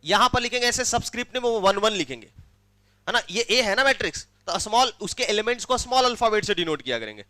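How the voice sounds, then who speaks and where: High, bright-voiced maths teacher. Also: male voice, expressive, fast talker, no room sound. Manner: keeps quizzing students with repeated questions. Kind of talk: classroom maths lecture.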